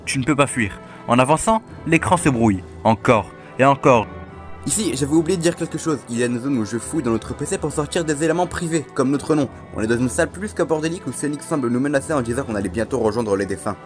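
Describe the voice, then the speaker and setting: A man's voice: medium pitch, fairly bright tone. Man, video host, casual storytelling, joking, talks to viewers, faint music behind. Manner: chatty, joking, addresses viewers directly. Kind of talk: casual storytelling of an internet horror legend.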